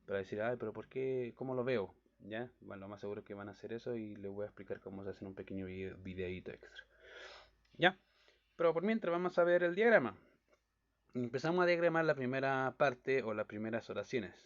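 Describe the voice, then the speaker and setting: A man's voice: lowish voice, expressive, brisk. A man teaching a recorded lesson on diagramming Bible verses, explaining step by step and checking in with his listeners often. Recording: dull lo-fi recording.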